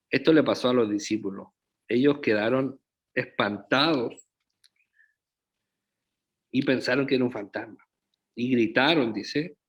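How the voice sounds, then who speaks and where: Over dull audio, a pastor with a medium-pitched male voice delivers a slow, deliberate sermon. He keeps turning to the congregation with rhetorical questions.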